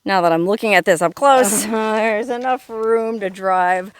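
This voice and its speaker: A woman's voice: medium pitch, unhurried, smooth. Playful chatty woman vlogging outdoors. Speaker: travel vlogger. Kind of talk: casual vlog narration. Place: outdoors in a desert canyon.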